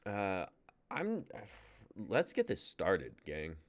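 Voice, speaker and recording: A young man with a low voice hosts a group streaming show, opening the livestream with casual, jokey, informal banter. He speaks very slowly, and his pitch swoops wildly.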